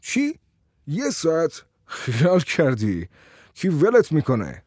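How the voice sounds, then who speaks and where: A man's voice: a little high, huge pitch swings, a little mellow, breathy edge, dry recording, clean studio sound, pitched above the performer's own voice, exaggerated voice. A man doing a jovial middle-aged teacher host. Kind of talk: audiobook story reading.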